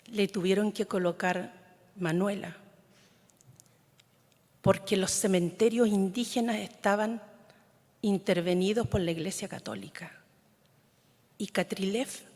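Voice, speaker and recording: Her poems, read in a measured, solemn way, often dissolve into a whisper; she is a Chilean poet whose mother tongue is Mapudungun (Huilliche). Her voice is medium-pitched with a darkish tone. The slow reading takes place in a large conference hall with long reverb.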